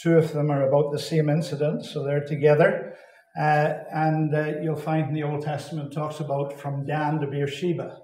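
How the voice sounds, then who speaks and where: A man gives a Bible teaching talk in a slightly high voice. He speaks deliberately and hammers home key words by repeating them. The sound is roomy, with the echo of a large hall. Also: little pitch movement, mellow. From Saskatchewan, Canada. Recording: echoey hall.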